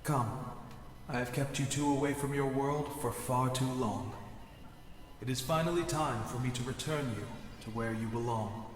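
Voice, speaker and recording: This video game performance features a man as a solemn otherworldly being who passes judgment on the world, making grand, formal pronouncements. He speaks at a normal pace in a mid-range voice close to his everyday one, with echoey reverb like a large hall.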